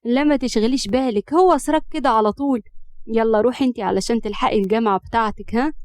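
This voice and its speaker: A woman with an Egyptian accent voicing a kind, teasing middle-aged mother who calms her son. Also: fairly high pitch, quick pace, dry recording, lightly acted. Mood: soothing. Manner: soothing, teasing.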